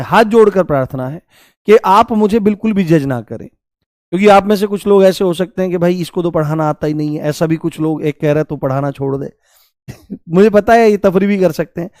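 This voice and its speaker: Male teacher, fairly high voice, dry close sound, repeats examples and quizzes students. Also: a little mellow, dry recording. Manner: repeats examples, coaxing students with rhetorical questions. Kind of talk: online grammar lesson.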